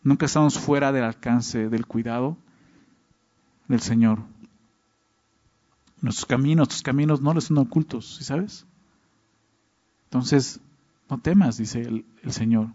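Male preacher, conversational Bible teaching that keeps checking in with the congregation; average pitch, muffled lo-fi sound. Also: a little slow, long pauses, dark tone. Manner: conversational, constantly checks in with "¿no?" and "¿verdad?". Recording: dull lo-fi recording.

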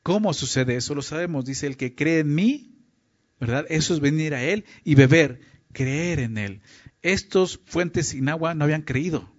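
A man's voice: on the high side, animated, normal speed. A man preaching a teaching sermon, often checking in with his listeners with short questions. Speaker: pastor. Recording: dull lo-fi recording.

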